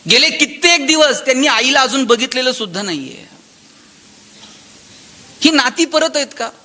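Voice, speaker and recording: A man gives a motivational lecture in a high, bright voice. He tells stories animatedly, voicing the people in them and swinging between loud exclamations and hushed asides. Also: lively intonation, moderate pace. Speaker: motivational speaker. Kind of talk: public lecture with storytelling.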